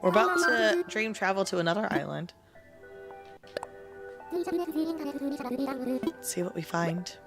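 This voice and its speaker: A young adult woman streaming from home, chatting candidly with a raspy, sick voice and clearing her throat now and then. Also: medium pitch, big pitch swings, slow pace, long pauses, over loud music. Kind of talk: casual live-stream chat. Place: at home, near bed.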